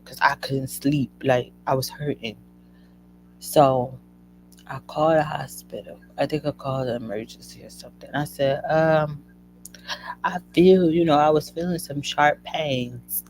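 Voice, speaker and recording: A woman's voice: a bass voice, fairly even intonation, normal speed, a little mellow, soft background music, rough recording. A woman hosting a show who tells a personal story in a casual, chatty way and keeps addressing her listeners as "y'all.". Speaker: host.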